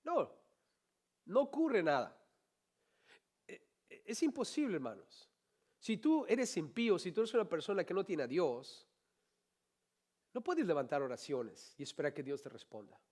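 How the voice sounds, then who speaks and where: A pastor gives a lively sermon, repeatedly turning to the congregation with rhetorical questions and slipping in playful, joking asides. His voice sits a little high for a man, and he keeps a measured pace with frequent pauses.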